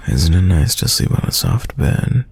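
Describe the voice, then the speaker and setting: A very deep, gravelly voice with a darkish tone belongs to a man acting a teasing, stubborn young friend in an intimate roleplay audio drama. He's casual, full of drawn-out sighs, and heavily acted with no echo, coming across insistent and smug.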